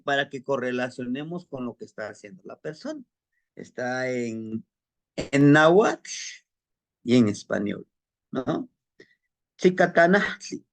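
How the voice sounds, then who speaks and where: Mexican-accented male language teacher, patient drill reader, slightly high voice. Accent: Mexican Spanish. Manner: repeats words slowly for learners to practice, checks with "¿no?". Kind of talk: slow, patient language lesson.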